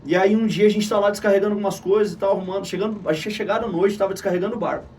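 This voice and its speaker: A middle-aged man with a Gaúcho Brazilian accent recounts a painful family story at a quick clip, his voice sitting high. He is heard from a few steps off the microphone, with faint noise in the background. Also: distant mic. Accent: Gaúcho Brazilian Portuguese. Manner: animated, calls the listener "cara" often. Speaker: interview guest, missionary. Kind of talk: emotional personal storytelling.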